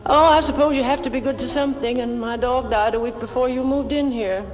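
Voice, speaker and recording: An American actress in a 1930s film comedy playing a worldly, wisecracking friend with a wry, sardonic manner. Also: female voice, sits high, steady tone, a little fast, highs cut off, natural voice. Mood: wry, rueful. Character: wisecracking, worldly, tough-hearted female rooming-house friend. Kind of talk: 1930s Hollywood comedy acting. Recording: old 1930s film soundtrack, music behind.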